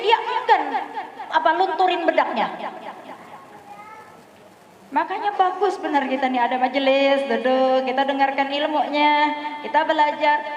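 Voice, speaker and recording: A woman with a Banjar Indonesian accent giving a chatty sermon to a women's gathering, often asking the audience questions and acting out prayers. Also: very high voice. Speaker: preacher at a women's study gathering. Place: prayer hall. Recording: echoey, dull live-stream recording.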